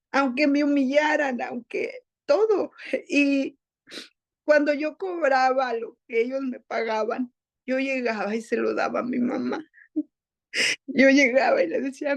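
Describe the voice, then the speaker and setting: A woman giving an emotional personal testimony in church, speaking haltingly with pauses and repetitions. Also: sits high, steady tone, vocal fry, muffled recording.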